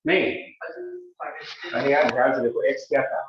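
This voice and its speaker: A man's voice: mid-range voice, steady tone, normal speed, background noise. Man, Indian accent, physics teacher, step-by-step lecture, very echoey room, dull lo-fi sound. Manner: explains step by step, checks in with students. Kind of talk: live online physics lecture.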